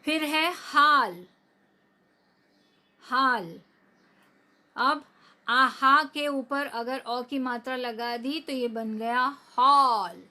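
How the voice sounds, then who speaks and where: Woman teacher, somewhat high voice, very slow speech, drawn-out words for children to repeat, recorded class lesson. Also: pushed and bright.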